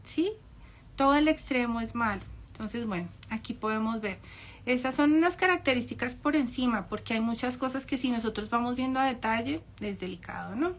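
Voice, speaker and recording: Woman, high-pitched, casual lesson, conversational, ironic, acts out quoted voices. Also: fairly quick. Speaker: psychology speaker. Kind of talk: informal talk on narcissistic parents.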